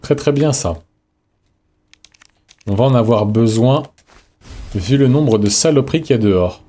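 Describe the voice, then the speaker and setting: A man doing live let's-play commentary in a loose, slangy, chatty way. He talks half to himself and half to his audience. His pitch sits right in the middle for a man. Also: unhurried, warm tone. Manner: casual slangy chatter, talking to himself and chat. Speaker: streamer.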